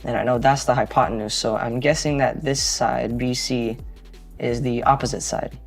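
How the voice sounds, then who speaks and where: A student working through a math problem, hesitant and reasoning step by step out loud. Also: mid-range voice, fairly even intonation, moderate pace, gravelly, faint music behind. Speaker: student in a tutoring demo.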